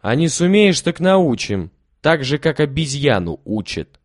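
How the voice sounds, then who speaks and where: A man voicing a scheming, bossy boy in a storybook reading, loud and commanding. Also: a little high, very animated, measured pace, no echo, studio quality, pitched above the performer's own voice. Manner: loud, coaxing, then commanding. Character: scheming, bossy brother who leads the game.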